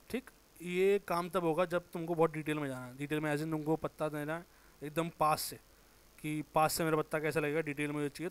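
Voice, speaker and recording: A man with a sore throat giving a casual, informal software tutorial, thinking aloud, correcting himself and muttering as he works. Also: on the high side, smooth. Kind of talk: casual screen-recorded tutorial.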